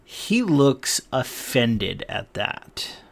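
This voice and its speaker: A man's voice: medium pitch, sing-song, drawn-out words, vocal fry. A man running a tabletop game as dungeon master, narrating scenes and giving patient rulings. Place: home, online game stream.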